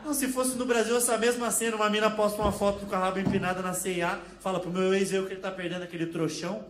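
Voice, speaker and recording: A man with a Brazilian Portuguese accent doing stand-up comedy, telling animated stories with crude swearing. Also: high voice, racing, reverberant, noisy background.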